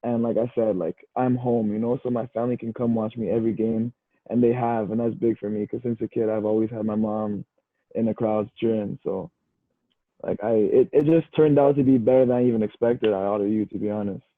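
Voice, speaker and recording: With a lowish voice and a fairly quick delivery, free of echo, a young Canadian man chats as a podcast guest. The university football player keeps it casual, relaxed and easygoing, repeating "bro" and "you know," on a tinny, dry, phone-like line.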